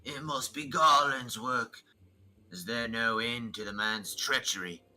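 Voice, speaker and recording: A man voicing a haughty, contemptuous imperial officer, reading game dialogue aloud in a slow, commanding way. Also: mid-range voice, bright, forceful tone, voice pushed up, poor audio. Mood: scornful commanding.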